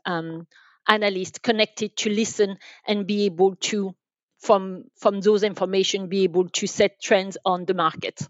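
A telecom sales manager from France appears as a podcast guest, answering interview questions conversationally in a French accent. Her voice is of average pitch, and the audio sounds dull and very dry, with no echo and little room sound.

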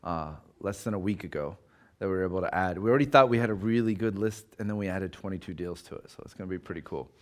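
A man's voice: deep voice, fast talker. A man hosting an investor group meeting, upbeat and encouraging as members introduce themselves.

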